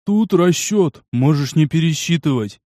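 Man voicing an old fussy cafe owner, shrill, high, dark tone, audiobook. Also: animated, a little slow, dry recording, studio quality. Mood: bitter.

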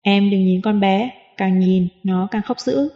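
A woman's voice: medium pitch, measured pace, close to an everyday voice. Woman reading a teasing playful young man. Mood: conspiratorial. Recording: dull lo-fi audio with long reverb.

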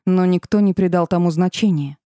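A woman narrating a first-person fantasy audiobook in a measured, even storytelling manner. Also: fairly low pitch, no echo, clean studio sound.

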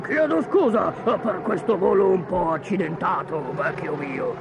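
Woman playing a jolly, gravelly old-fashioned pilot. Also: lowish voice, unhurried. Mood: apologetic. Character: hearty, bumbling male airplane pilot. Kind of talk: storybook character voice. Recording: noisy lo-fi audiobook recording.

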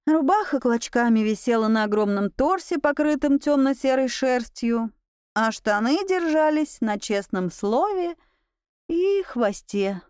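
A woman reading a first-person story aloud with expressive storytelling. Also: sits high, measured pace, clear, resonant tone, no echo, clean studio sound. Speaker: audiobook narrator. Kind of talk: scripted first-person narration.

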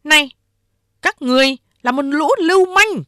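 A woman voicing a jealous, sharp-tongued young woman who scolds and mocks in a high, scornful voice. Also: moderate pace, dry recording, clean studio sound.

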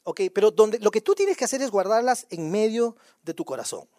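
A man's voice: high-pitched, animated, a little fast, mellow, no room sound, clean studio sound. A male pastor preaching a sermon in a conversational way, firing rhetorical questions at the congregation.

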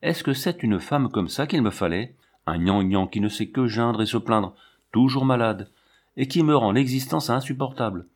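A man's voice: medium pitch, lively intonation, normal speed, lightly acted. A man reading an audiobook, playing a passionate, brutal young lion tamer who speaks urgently and pleads. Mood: pleading.

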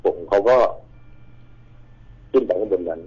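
A man's voice: measured pace, dark tone. A man calling in to a radio show, telling a ghost story in a rambling way and quoting the people in it. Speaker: caller. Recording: dull lo-fi radio sound.

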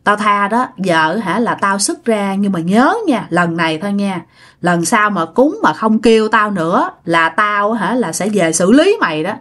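A woman's voice: medium pitch, expressive, a little slow, a bit bright. A woman voicing a scolding old ghost woman. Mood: stern. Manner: scolding, accusing.

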